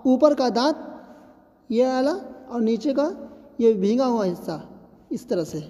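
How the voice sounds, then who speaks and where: A woman's voice: on the high side, animated, mellow, long reverb tail. A woman teaching a tajweed lesson, explaining patiently and reassuringly, and drawing out each letter sound as she demonstrates it. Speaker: Quran recitation teacher.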